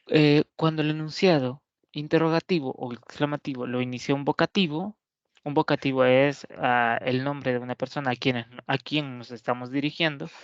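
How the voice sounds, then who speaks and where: A man giving a methodical grammar lesson, explaining each rule step by step and pausing to check that listeners follow. The recording is dry with no room sound and slightly dull and lo-fi. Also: a little high, dry recording. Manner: methodical, often checks in with "¿verdad?". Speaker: teacher.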